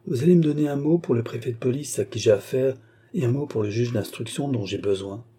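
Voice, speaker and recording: A man's voice: medium pitch, a little fast, warm tone, husky, lightly acted. A man reading a storybook and voicing a composed, secretive young courtesan woman with a firm manner. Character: cool-headed resolute young courtesan woman.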